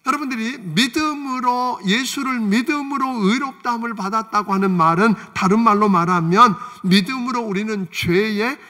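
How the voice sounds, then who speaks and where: A man's voice: sits high, sharp tone. A senior pastor delivering a sermon, asking his congregation rhetorical questions as he preaches. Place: church sanctuary. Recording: long hall reverb in a church.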